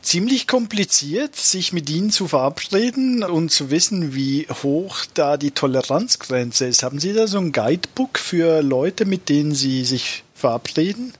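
A man hosting a comedic panel show, questioning the guest in a brisk, mock-strict way. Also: a little high, animated, breathy edge, no room sound. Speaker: host.

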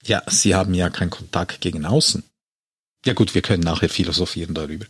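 Man, low husky voice, lively storyteller in a chat, close and dry. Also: fast, no room sound. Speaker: podcast co-host retelling a film. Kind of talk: casual chat, retelling a story.

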